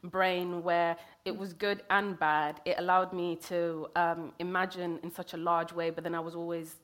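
A woman's voice: on the low side, flat delivery, moderate pace, fairly bright tone. A woman, a poet talking reflectively in an interview. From England. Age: 30s. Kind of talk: conversational interview.

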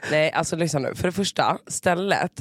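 A man with a fairly high voice chats excitably and teases his co-host, reacting fast and swearing now and then. The sound is dry and close to the mic. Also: no room sound. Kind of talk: casual chat.

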